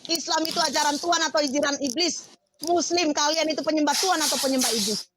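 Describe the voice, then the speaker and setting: A woman's voice: sits high, quick pace, heavy background noise. A woman pastor preaching on a livestream, confrontational and firing off rhetorical questions.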